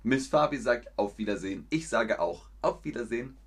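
A man teaching German in a live stream, reading out viewers' chat messages and praising them, with slow, simple phrasing that repeats sentences for learners. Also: mid-range voice, lively intonation. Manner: encouraging, frequent praise.

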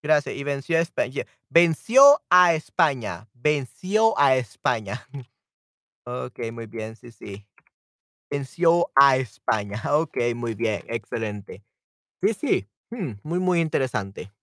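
A man's voice: medium pitch, sing-song, a bit bright, no room sound, studio quality. A man teaching a live online Spanish lesson, reacting to viewers' comments by name and repeating his explanations in English. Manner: slows down and stretches out example words.

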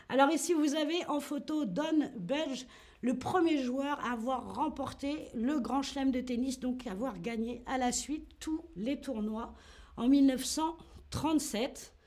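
A woman giving a live online French lesson. She talks in a lively way, acts out tennis shots with grunts, and answers chat viewers by name. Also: sits high, measured pace. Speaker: French teacher.

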